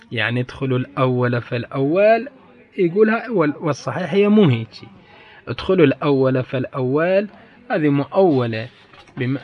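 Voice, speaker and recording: A man's voice: mid-range voice, dry recording. A man giving a classroom lecture as a religious teacher, repeating key phrases for emphasis and turning to his listeners directly. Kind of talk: classroom lecture on grammar and hadith. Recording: dull lo-fi recording.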